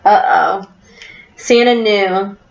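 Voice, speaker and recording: A woman teacher reading a story aloud in class and encouraging a student with quick questions, recorded on a computer webcam in a classroom. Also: medium pitch, gravelly. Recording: echoey room, dull lo-fi sound.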